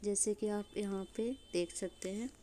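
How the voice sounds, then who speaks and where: A woman teacher giving an exam revision lesson in speech. She asks questions and answers them herself, spells words out letter by letter, and slows down to read English definitions. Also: medium pitch, steady tone, mellow, slight background noise.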